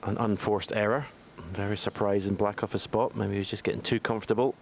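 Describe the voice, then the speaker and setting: A man's voice: fairly low pitch, steady tone, fast talker, creaky. A man giving matter-of-fact analytical snooker commentary in short, sparse phrases. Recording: faint background noise.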